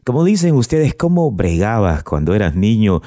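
Low, mellow-voiced man hosting a radio show. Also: sing-song, normal speed, no echo, clean studio sound. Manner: scripted, announcer-like questioning. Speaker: radio program host.

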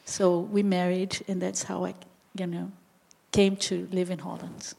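Brazilian woman, guest filmmaker; creaky voice with a steady, flat delivery, unhurried answers full of pauses and restarts. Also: on the low side. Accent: Brazilian Portuguese. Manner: halting, searching for words with many pauses. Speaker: documentary filmmaker, interview guest. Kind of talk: unscripted interview answers.

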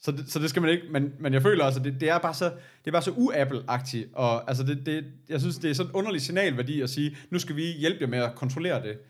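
A man's voice: fairly high pitch, few pauses. A man co-hosting a podcast, talking casually and hesitantly, often repeating words as he searches for them. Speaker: podcast co-host. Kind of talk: casual chat.

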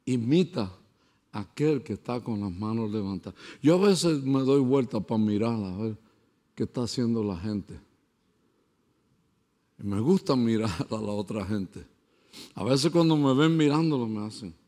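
A pastor preaching a sermon and telling stories, dropping to a hush and then building to shouts. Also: male voice, medium pitch, animated, normal speed. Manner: storytelling, swinging from hushed to shouting.

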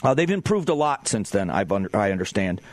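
Here the host's voice is fairly low and sing-song, moving at a fairly quick clip. He's a forties-aged Southwest Florida man giving an emphatic, opinionated, conversational radio monologue, recorded dry through a studio microphone in a radio studio.

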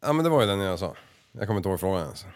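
A man's voice: low voice, sing-song. Casual, swearing Swedish podcast man. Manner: reads quiz words, swears often, stumbles over words. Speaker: podcast host. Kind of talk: casual chat, quiz game.

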